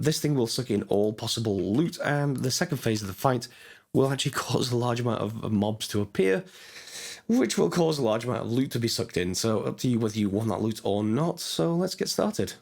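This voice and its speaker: A man with a hoarse voice, chatting casually as he narrates his gameplay, thinking aloud with lots of fillers. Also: mid-range voice, animated, fairly quick, a little mellow. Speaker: gaming channel host. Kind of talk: casual let's-play commentary.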